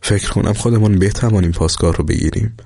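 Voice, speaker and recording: A man voicing a determined young male soldier who speaks calmly and quietly in a storybook reading. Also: on the low side, vocal fry, dry recording, clean studio sound. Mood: resolute. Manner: calm, resolute, speaks quietly.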